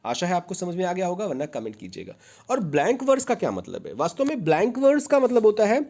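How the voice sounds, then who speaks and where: A man's voice: sits high, huge pitch swings, fast talker, creaky, darkish tone. A male teacher giving an exam-prep lecture, patiently explaining and repeating key points, mixing English terms into his Hindi. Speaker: literature teacher.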